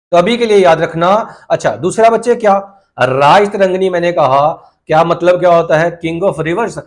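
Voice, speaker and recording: High-voiced exam tutor lecturing. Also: male voice. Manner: addresses students as "kids", repeats key points, asks and answers his own questions. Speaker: exam coaching teacher. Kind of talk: classroom lecture.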